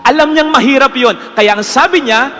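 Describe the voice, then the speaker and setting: Man, priest, earnest homily, very high voice, long church echo, faint music behind. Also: moderate pace, pushed and bright. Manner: earnest, emphatic, mixes English phrases. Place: church with congregation.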